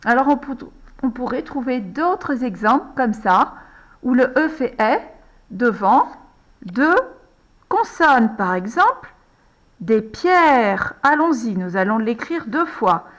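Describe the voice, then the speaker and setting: A woman slowly and patiently guiding a young child through a handwriting lesson, one letter and one word at a time. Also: a little high, big pitch swings, fairly bright tone. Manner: patient, addresses the child as tu, frequent "alors" and "hein". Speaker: handwriting teacher.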